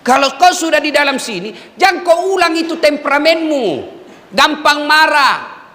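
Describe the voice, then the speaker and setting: A man preaching a humorous sermon to prison inmates with a Makassar Indonesian accent, swinging between loud emphasis and low asides as he acts out little dialogues. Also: expressive, normal speed. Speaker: Islamic preacher. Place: prison hall. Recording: hall reverb.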